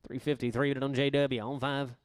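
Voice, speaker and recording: A male livestock auctioneer rattles off bids in a fast, rhythmic chant that barely pauses for breath. His voice comes through very clear and crisp, with a dry sound and almost no room echo. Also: mid-range voice, flat delivery. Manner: rapid rhythmic number chant.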